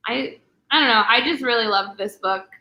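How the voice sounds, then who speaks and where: A woman's voice: a little high, lo-fi sound. A young woman hosting a casual livestream book discussion, chatty and full of "like" fillers. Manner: chatty, many "like" fillers, quick asides. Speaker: booktube host.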